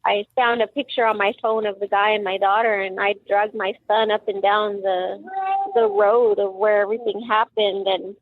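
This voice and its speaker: A middle-aged woman, a grieving mother, recounting a painful memory in an interview, halting and emotional with many pauses and fillers. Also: medium pitch, level tone, no room sound. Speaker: mother of a murder victim. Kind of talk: personal account in an interview. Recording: tinny phone-like sound.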